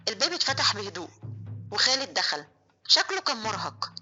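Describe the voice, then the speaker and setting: A woman's voice: a little high, very animated, fast talker, bright, forceful tone, muffled recording. A woman with an Egyptian accent narrating a horror story in a suspenseful, vivid way. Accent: Egyptian Arabic. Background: faint music.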